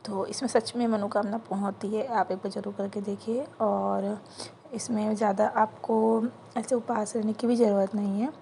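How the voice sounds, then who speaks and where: A woman's voice: medium pitch, flat delivery, normal speed, creaky, few pauses, dark tone, slight background noise. A young woman vlogger who chattily explains the steps of a home puja ceremony, speaking into her phone at an indoor gathering. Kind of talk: casual vlog narration.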